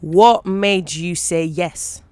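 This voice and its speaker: A woman's voice: lowish voice, drawn-out words, a little mellow, smooth, no echo. Playful woman hosting a talk show. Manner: playful, laughs often. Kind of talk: casual interview.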